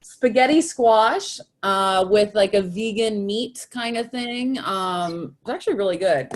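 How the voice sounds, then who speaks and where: A woman's voice: medium pitch, unhurried. A woman chatting casually on a video call in a giggly, hesitant way. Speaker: contest participant. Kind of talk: casual chat.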